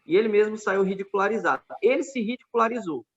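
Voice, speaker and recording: A man with a Brazilian Portuguese accent recounts events in a podcast conversation, earnest and quoting dialogue as he goes. His voice sits fairly high for a man. The recording is dull and lo-fi. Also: lively intonation, quick pace, fairly bright tone. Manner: earnest, retelling a street debate with quoted dialogue. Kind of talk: casual podcast storytelling.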